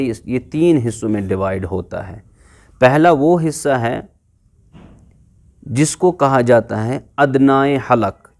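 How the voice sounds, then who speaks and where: Slow-talking man teaching letter sounds. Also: mid-range voice. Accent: Urdu-speaking. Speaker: Quran recitation teacher. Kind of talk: slow explanatory lesson on letter pronunciation.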